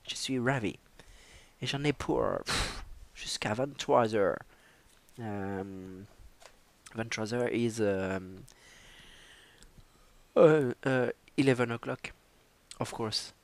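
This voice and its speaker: A man's voice: medium pitch, drawn-out words, vocal fry, pauses often. A man hosting a solo livestream, rambling and self-mocking with stammering restarts and bits of playful English. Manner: drops in playful mock English. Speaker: livestream host. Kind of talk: casual solo livestream chat.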